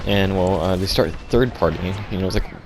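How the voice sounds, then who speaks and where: A young man telling an absurd comic story deadpan, rambling and halting with lots of restarts. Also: deep voice, music in the background. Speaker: vlogger.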